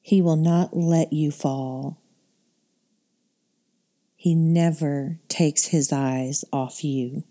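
Woman, low mellow voice, unhurried soothing meditation guide. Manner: slow, soothing, calm delivery.

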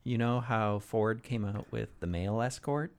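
A man talking in casual comic banter with a halting, rambling delivery. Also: lowish voice, fairly even intonation.

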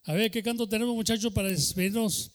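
A man, a pastor who leads a sermon and prayer, talks fast and sometimes unclearly, and keeps calling out "Señor". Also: sits high, long reverb tail. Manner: fervent praying, repeating "Señor". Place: church service.

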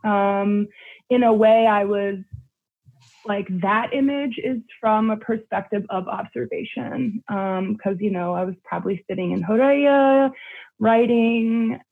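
A young adult poet and guest with a mid-range, creaky voice reads a poem at a measured pace, then chats about it casually. The chat rambles with many fillers, over a tinny, phone-like line.

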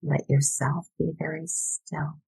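Soft husky lady teacher, slow n soothing, bit of creak, like a guided relaxation. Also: low-pitched, little pitch movement, dry recording, rough recording. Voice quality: breathy, husky. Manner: soothing, gentle, deliberate phrasing with pauses. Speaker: educator, workshop leader.

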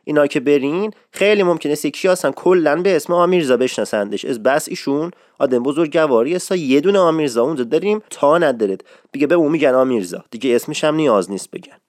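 A man giving a casual spoken lesson on dialect forms of address, repeating key words slowly for emphasis. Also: fairly high pitch, lively intonation, a little mellow, dry recording, studio quality. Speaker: dialect teacher.

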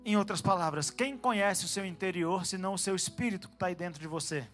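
A man preaching a fervent sermon in a church, swinging between calm teaching and loud, shouted exhortations, with quick asides to people in the room. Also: high voice, soft background music. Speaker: pastor.

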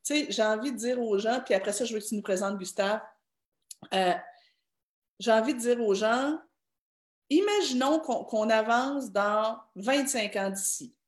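A woman's voice: on the high side, echoey room. A woman with a Québécois accent, a host giving earnest advice to parents through rhetorical questions. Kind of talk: heartfelt advice talk to parents.

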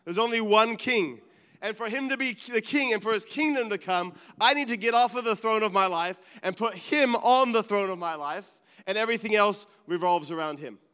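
A man's voice: high-pitched, normal speed, pushed and bright, smooth, in a large hall. A man preaching a sermon as a pastor, earnest and building to emphatic peaks, with restarts and asides.

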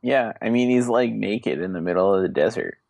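A man's voice: fairly low pitch, fairly quick, creaky, a little mellow. A man playing in a tabletop role-playing game, making dry, wry remarks. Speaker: player. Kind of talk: casual tabletop play.

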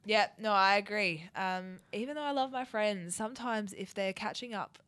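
A young Australian woman co-hosting radio in casual chat, her voice croaky and hoarse from a head cold, chatty and self-deprecating. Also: mid-range voice, normal speed, fairly bright tone. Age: young adult. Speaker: radio co-host.

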